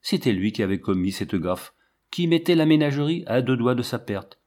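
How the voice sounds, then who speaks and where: A man narrating an audiobook in a measured, dramatic reading. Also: mid-range voice, big pitch swings, a little mellow.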